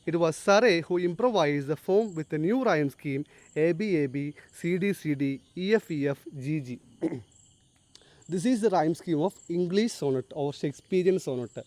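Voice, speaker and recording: A male teacher giving a classroom lecture, explaining step by step, quizzing his students and reading English lines slowly and deliberately. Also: a little high, darkish tone, no room sound. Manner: explains, then asks the class to answer.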